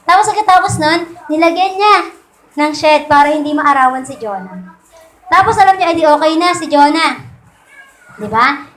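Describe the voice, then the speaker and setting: Very high-voiced woman retelling a Bible story. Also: a bit bright, slight background noise. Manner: polite, addresses listeners with constant questions. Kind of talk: casual Bible story sermon.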